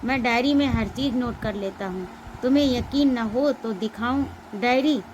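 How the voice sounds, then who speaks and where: A woman's voice: a little high, normal speed, slight background noise, lightly acted, rough recording. A woman reading aloud as a stingy, scolding male employer in a one-act play. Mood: stern. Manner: stern, accusing, shouting in anger.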